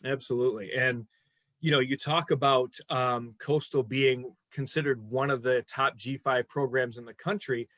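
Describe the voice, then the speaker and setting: A man with a smooth radio host delivery, asking polished, friendly interview questions. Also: mid-range voice, fairly even intonation, normal speed, a bit bright, no room sound. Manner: polished, friendly questioning, addresses guest as Coach.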